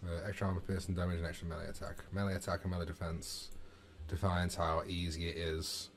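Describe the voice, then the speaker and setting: A man's voice: low voice, level tone, a little fast. A man streaming a strategy game, thinking aloud in casual gameplay commentary as he plays at home on a desk microphone. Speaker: gaming streamer.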